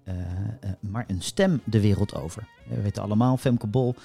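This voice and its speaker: A man's voice: lowish voice, a little fast, vocal fry, mellow, slightly rough, faint music behind. A man co-hosting a casual talk show, explaining things with many hesitations and fillers. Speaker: podcast co-host, voice expert. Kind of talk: casual discussion.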